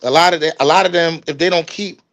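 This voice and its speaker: Slangy casual man, slightly high voice. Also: fairly even intonation, fast, vocal fry, a bit bright. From Washington, D.C. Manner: loose, slangy, laughs often. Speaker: podcast host. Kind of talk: casual chat.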